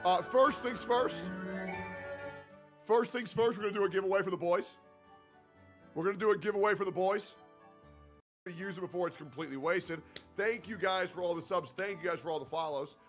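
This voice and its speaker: A man's voice: sits high, normal speed, pauses often, soft background music. A man streaming live, talking in a hyped, slangy way and swearing freely. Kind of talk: casual stream chat.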